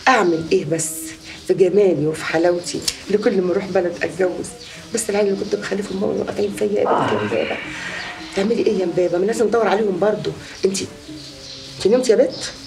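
A woman's voice: medium pitch, animated, very fast, darkish tone, distant mic, soft background music, lightly acted. An actress with an Egyptian accent playing a boastful, gossipy mother who tells of her many marriages in a comedy series. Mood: gossiping. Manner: chatty, gossiping, dramatic exclamations. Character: boastful middle-aged mother, gossipy much-married storyteller.

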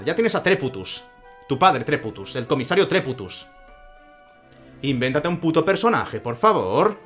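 A man with a Spain Spanish accent comments on a video game as he plays, sarcastic and quick to swear. His voice sits a little on the high side for a man. Faint game music plays behind him. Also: a bit bright. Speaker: let's play commentator. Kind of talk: gameplay commentary.

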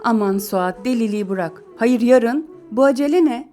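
A woman's voice: sits high, measured pace, warm tone, faint music behind, pitched above the performer's own voice. A woman voicing an anxious, doting older mother in a storybook reading, fretful and scolding.

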